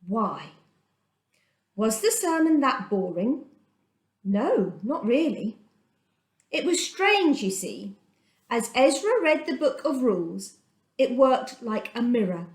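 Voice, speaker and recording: A woman tells a children's Bible story aloud in a fairly high, sing-song voice, using dramatic, deliberate phrasing and emphasis. The room she's recorded in is echoey.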